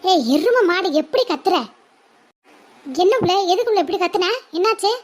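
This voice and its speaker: A loud, exasperated village mother scolds her daughters nonstop, as a woman acts her out. Her voice sits high. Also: expressive, normal speed. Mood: scolding.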